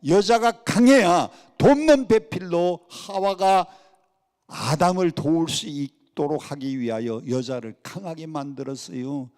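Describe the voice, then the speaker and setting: A middle-aged male pastor preaching a lively sermon and leading the congregation in call-and-response. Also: a little high, measured pace. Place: church sanctuary. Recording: long hall reverb.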